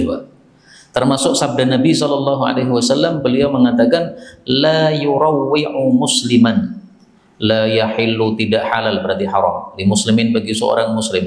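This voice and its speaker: A man's voice: mid-range voice, a little mellow. A male Islamic teacher giving a sermon-style religious lesson, explaining Arabic phrases word by word and addressing listeners as sir. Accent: Javanese Indonesian. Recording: echoey hall.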